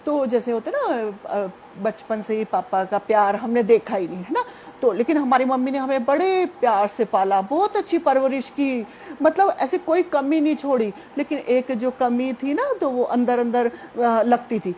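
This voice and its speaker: A woman's voice: a little high, normal speed, mellow, slight background noise. A woman gives a devotional testimony, telling her story earnestly and speaking directly to her listeners. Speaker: devotee sharing a personal testimony.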